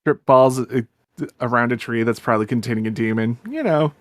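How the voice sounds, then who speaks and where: A man's voice: mid-range voice, fairly quick, no echo. A man chatting casually as a player in a tabletop role-playing game. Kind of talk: casual chat.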